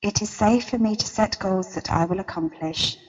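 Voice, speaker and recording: A woman leading a guided meditation as a guide, with a slow, soothing countdown delivery. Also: mid-range voice, big-room sound, lo-fi sound. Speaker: meditation guide and interview guest.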